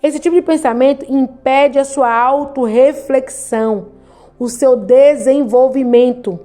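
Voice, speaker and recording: A woman's voice: sits high, measured pace, mellow, faint music behind. A woman with a Brazilian Portuguese accent giving a motivational lesson as a personal development instructor, emphatic and speaking straight to her listeners. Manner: emphatic, addresses listeners directly with repeated rallying phrases.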